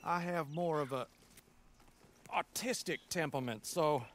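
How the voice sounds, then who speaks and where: A man's voice: on the high side, unhurried, a little hiss or hum, lightly acted. An actor playing an anxious, rambling young man from a rich family in a video game. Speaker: game character.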